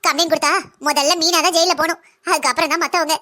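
A woman as a blunt young daughter-in-law: very high, bright, rapid-fire cartoon voice, lecturing and defiant. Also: fairly even intonation. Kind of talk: cartoon drama voice acting.

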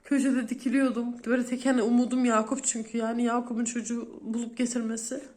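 A woman's voice: a little high, level tone, quick pace, a little mellow. Thirty-something woman retelling a frightening day. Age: 30s. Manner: addresses viewers directly, retelling a frightening day. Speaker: vlogger. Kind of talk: emotional storytelling to viewers.

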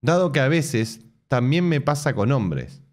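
In a room at home with bookshelves, a streamer in his thirties with an Argentine Spanish accent reads a forum post aloud to his live audience. His mid-range voice has very lively intonation, and he's quick to laugh and to break in with sarcastic jokes mocking the text.

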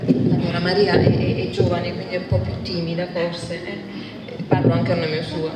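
An older woman pays an emphatic, heartfelt tribute into a handheld microphone. She sounds distant in a large hall with long reverb. A loud audience fills the background. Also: lowish voice, level tone, normal speed, a loud crowd. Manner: emphatic and warm in praise. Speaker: association representative giving thanks. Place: large indoor hall at a public book presentation.

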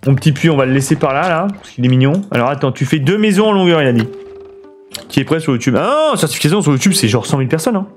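A man's voice: fairly high pitch, sing-song, fast, faint music behind. A man streaming a building game, thinking aloud and chatting with his viewers in a casual way. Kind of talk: casual let's play commentary.

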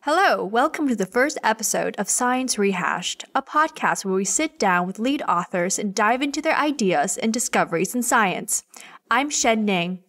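A woman co-host opens a science podcast with a scripted introduction. She reads in a clear, steady manner at an ordinary pitch. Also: moderate pace, faint music behind. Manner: clear, read-aloud delivery.

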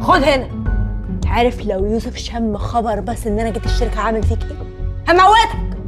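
An actress with an Egyptian accent playing Sarah, a young, suspicious wife with a scolding manner, in a TV comedy. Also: female voice, fairly high pitch, animated, quick pace, faint music behind, natural voice. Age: young adult. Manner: sharp and scolding.

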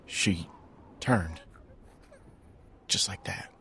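An actor playing a grieving, weary survivor in a video game, speaking quietly and haltingly. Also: male voice, sits low, gravelly, in a whisper, full character voice. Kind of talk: dramatic video game acting.

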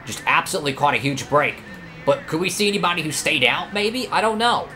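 A man commentating live over his own racing game career run, excitable and prone to sudden outbursts at other drivers and his car. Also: on the high side, fairly quick. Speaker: gaming YouTuber.

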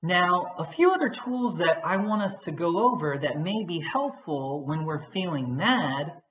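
A woman teacher giving a patient, gentle lesson on feelings for young children. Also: on the low side, animated, unhurried. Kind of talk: children's social-emotional lesson. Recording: echoey, dull recording.

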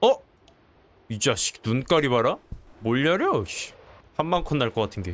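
A young man narrating a horror game as he plays, joking and swearing, and yelling when he gets startled. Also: medium pitch, very animated, moderate pace. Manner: jumpy, swears and yells when startled, jokey asides. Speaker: gameplay streamer. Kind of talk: horror game let's play commentary.

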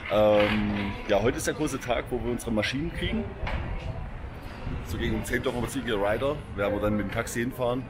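A man's voice: medium pitch, a little fast, loud music behind the voice. A man filming a casual travel vlog, talking and joking with his friends outdoors by a busy road. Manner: chatty, joking, laughs often. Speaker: vlogger filming a motorcycle road trip. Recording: loud outdoor traffic noise.

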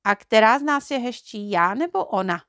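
Storybook girl, fussy and teasing, high and a little gravelly; a woman reader puts her on. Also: animated, a bit bright, no echo, studio quality. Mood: teasing, chiding. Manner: chiding, quick to scold and tease.

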